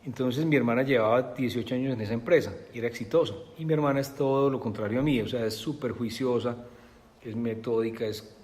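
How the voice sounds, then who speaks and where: A man's voice: medium pitch, quick pace, a little mellow, big-room sound. A man telling a personal story in a rambling way, full of filler words, as an interview guest. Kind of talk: conversational storytelling.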